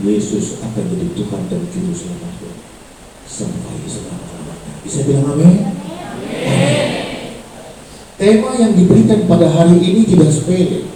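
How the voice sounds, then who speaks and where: A middle-aged man preaching a sermon to a school assembly, telling a story with animated swings from hushed to loud. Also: fairly high pitch, noisy background. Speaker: pastor. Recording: echoey room, distant mic, faint ambience.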